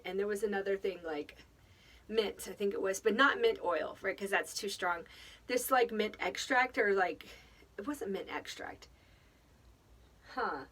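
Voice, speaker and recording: A woman's voice: medium pitch, a bit bright, far from the mic. A woman giving casual, rambling parenting advice, thinking aloud and laughing often. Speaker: speaker on children's faith formation.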